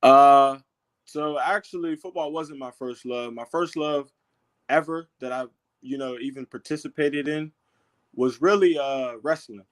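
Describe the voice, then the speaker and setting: A young man from Pittsburgh, a football player as guest, talking in a relaxed way full of fillers. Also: medium pitch, unhurried. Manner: relaxed, filler-heavy, lots of "you know". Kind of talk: casual interview.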